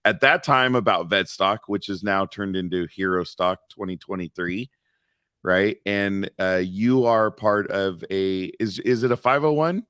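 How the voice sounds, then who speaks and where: A man from California's Central Valley co-hosts a podcast, moving between playful teasing and relaxed interviewing. His voice is low for a man. The sound is dry and close, with no room echo. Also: measured pace, smooth. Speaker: podcast co-host. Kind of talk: casual podcast banter and interviewing.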